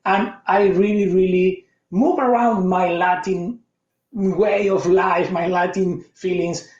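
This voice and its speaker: A man's voice: high-pitched, fairly even intonation, slow, a little mellow. A man from Argentina with an Argentine Spanish accent, a guest speaking friendly English with non-native phrasing. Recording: echoey, dull lo-fi audio.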